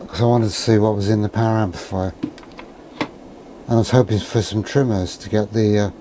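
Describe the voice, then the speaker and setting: Against a noisy background, a man with a fairly low, steady voice talks a little fast while showing off electronics in a relaxed, hands-on way. He's a hobbyist presenter who thinks out loud, understated and musing, frequently asking himself questions.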